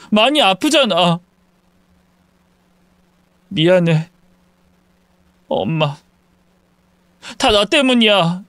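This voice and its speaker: A man's voice: a bit bright, no room sound, full character voice. A man doing a sobbing, pleading teenage son. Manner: high, urgent, sobbing pleas. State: crying. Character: teenage boy, remorseful, tearful and pleading.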